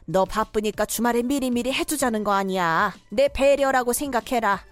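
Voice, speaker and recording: A woman's voice: fairly high pitch, normal speed, close to an everyday voice. A woman voicing a domineering, scolding middle-aged mother-in-law in a cartoon story drama. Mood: pressing.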